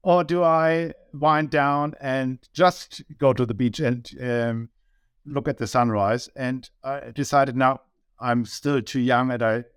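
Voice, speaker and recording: A German man in his sixties, a business owner, is the guest in a casual interview, speaking earnestly in a German accent and frequently restarting his sentences. His voice sits at a medium pitch with a clean tone. The recording is studio quality with no echo.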